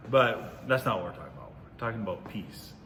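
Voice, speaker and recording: A man's voice: lowish voice, fairly quick, a bit bright, echoey room, in a large hall, slight background noise. A man leading a casual, upbeat Bible lesson for children on video, chatty and often correcting himself. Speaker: youth ministry teacher.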